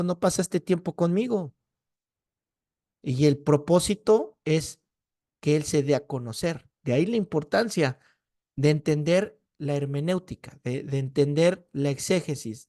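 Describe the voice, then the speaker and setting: Mexican guy teaching bible class, lively storyteller, kinda high voice, dry close sound. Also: dry recording. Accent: Mexican Spanish. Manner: lively storyteller, rhetorical "¿no?" tags.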